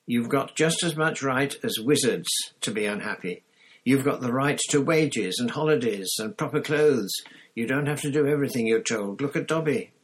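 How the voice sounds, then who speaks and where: A man's voice: fairly low pitch, brisk, hardly any pauses, fairly bright tone, husky. A man voicing a bossy, righteous teenage schoolgirl who speaks severely. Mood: impassioned. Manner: severe, exasperated.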